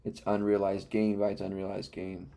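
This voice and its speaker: Low-voiced man live-coding, with hiccups. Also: monotone, normal speed, creaky, warm tone. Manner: mutters code steps aloud, then explains in a rambling, self-correcting way. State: has the hiccups. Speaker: livestream host. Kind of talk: live coding stream, thinking aloud. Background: faint music and keyboard typing.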